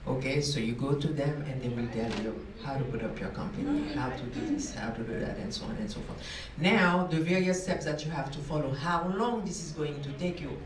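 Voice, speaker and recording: A man on a panel gives practical advice in a measured way, his voice a little high. He sounds distant in an echoey room with clear background noise. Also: animated. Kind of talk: panel discussion. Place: large conference room.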